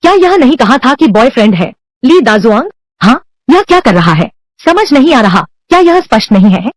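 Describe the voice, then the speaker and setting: A woman's voice: sits high, big pitch swings, moderate pace, no echo. A woman alone voicing every character of a dubbed drama, men and women alike, in one unchanged reading voice. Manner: reads all male and female parts in one unchanged voice. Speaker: voice-over dubber.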